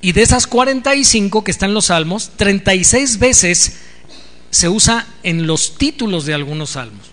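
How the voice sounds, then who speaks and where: Male preacher, high voice, teaching sermon, long church reverb. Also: lively intonation, normal speed, fairly bright tone. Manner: teaching, repeats key words with rising emphasis and frequent amens.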